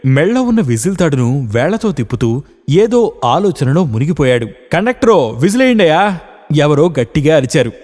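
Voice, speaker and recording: A man narrating a short story for a radio program in an expressive storytelling manner. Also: on the high side, normal speed, in a large hall.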